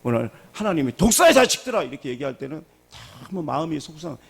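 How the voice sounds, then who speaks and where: A man's voice: fairly high pitch, quick pace, creaky, darkish tone, breathy edge. A middle-aged male pastor preaching a sermon in a church, asking the congregation questions as he goes. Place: church sanctuary.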